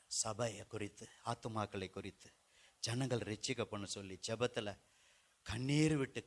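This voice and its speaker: A male pastor with a Tamil Nadu accent preaching a church sermon with passion, moving between quiet, low stretches and loud, lifted calls. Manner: impassioned preaching that swings from soft to loud.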